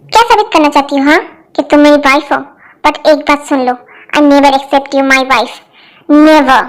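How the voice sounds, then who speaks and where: A woman's voice: sits high, unhurried. A woman voicing a cold, short-tempered young husband who speaks curtly and harshly. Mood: cold angry. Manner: curt, harsh, scornful.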